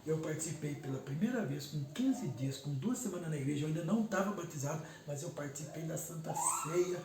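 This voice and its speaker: A man's voice: high voice, darkish tone. A man, a pastor telling an emotional personal testimony in an emphatic way, repeating words for weight. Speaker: pastor giving his testimony. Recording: roomy echo, distant mic, faint background noise.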